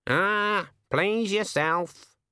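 Man putting on a cocky raven, higher voice, slow drawl, grumbly and chatty, dry close sound. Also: bright, forceful tone, clean tone, dry recording, full character voice. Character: cocky talkative male raven, working-class.

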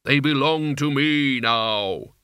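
A man voicing Death as a cold, imperious male reaper who speaks slowly and with measured command in an audiobook. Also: mid-range voice, pushed and bright, smooth, no room sound, clean studio sound.

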